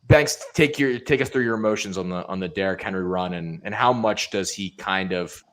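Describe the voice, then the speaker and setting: A man hosting a sports podcast in casual chat, relaxed and filling gaps with ums before he passes the talk to his co-hosts. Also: low-pitched, normal speed. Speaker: podcast host.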